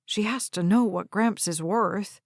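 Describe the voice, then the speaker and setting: A greedy, scheming man, voiced by a woman narrator, smooth and pushy in his speech. It is a dry, close audiobook recording. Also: mid-range voice, measured pace, no room sound. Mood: insistent.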